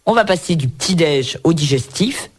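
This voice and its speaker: A man's voice: fairly high pitch, expressive, moderate pace, husky. A man hosting a radio book segment, presenting a cookbook in a chatty way with playful asides. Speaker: radio book show host. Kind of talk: reviewing books on air.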